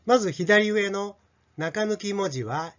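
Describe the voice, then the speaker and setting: Male teacher, middle-aged, lively swinging voice, demonstrates sounds slowly for kids. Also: high-pitched. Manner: slow, drawn-out sound demonstrations. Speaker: English teacher. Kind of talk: pronunciation lesson for children. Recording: dull lo-fi recording.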